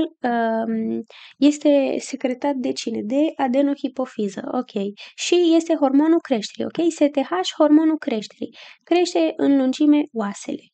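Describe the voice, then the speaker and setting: Young female tutor, chatty review style, gravelly fry in a high, warm voice. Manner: chatty, checks in with frequent "ok?". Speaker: teacher reviewing for an exam. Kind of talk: casual exam review lesson.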